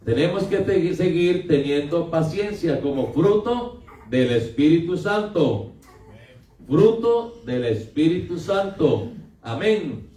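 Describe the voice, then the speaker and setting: A man's voice: sits high, warm tone. A male pastor preaching a sermon in a conversational way, asking his congregation questions. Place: church hall. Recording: echoey hall, picked up from a distance.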